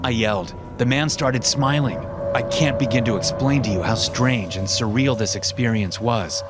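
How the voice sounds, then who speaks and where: A young man narrating a horror story in a tense, hushed voice, swearing casually. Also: mid-range voice, normal speed. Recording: narration over loud music.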